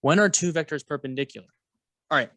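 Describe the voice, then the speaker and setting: A man's voice: a little high, fast, pushed and bright, no echo. Man teaching math, playful banter, asks guiding questions, dry close sound. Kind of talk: co-teaching a lesson, casual banter.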